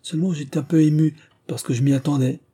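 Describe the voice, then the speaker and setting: A man voicing a spirited young woman, talking quick and emphatic in a raised voice. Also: a little high, steady tone, mellow, husky, voice pushed up. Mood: reassuring.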